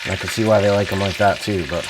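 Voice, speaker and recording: A man's voice: lowish voice, fairly even intonation, fast, very noisy. A man talking casually to viewers as he cooks in a folksy, chatty way, like a home cooking vlog host. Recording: clear frying sizzle, uneven mic level. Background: sizzling oil in a frying pan.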